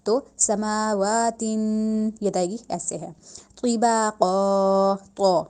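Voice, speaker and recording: A young woman leads a slow tajweed lesson, with a soft, mellow voice. She repeats each sound patiently and stretches words out to show how they are said. Her pitch sits at an ordinary middle height. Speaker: Quran recitation teacher.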